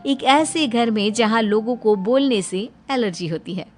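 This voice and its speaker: High-voiced woman narrating a story. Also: unhurried, slight background noise. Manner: lively, expressive storytelling.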